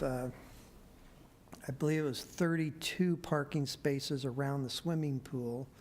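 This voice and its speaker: A man's voice: fairly high pitch, a little hiss or hum. A man giving a staff report at a city planning meeting, hesitant with many fillers, his voice a bit worn. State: losing his voice. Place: council meeting room.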